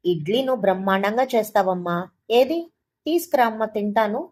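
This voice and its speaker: A woman storyteller voicing a sly, sarcastic older male moneylender who drawls and flatters. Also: mid-range voice, brisk, close to an everyday voice. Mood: drawling.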